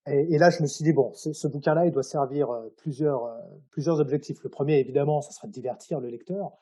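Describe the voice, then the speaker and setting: Man, husky, soft-edged timbre, informal, hesitant, explanatory, author in a casual interview. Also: fairly high pitch, fast. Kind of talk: casual interview, telling anecdotes about his own writing.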